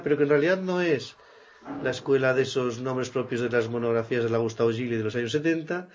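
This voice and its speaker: Guy hosting a sit-down interview, husky voice, bit muffled audio, lots of "ujú". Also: mid-range voice. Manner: chatty, frequent affirming interjections. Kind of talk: conversational interview.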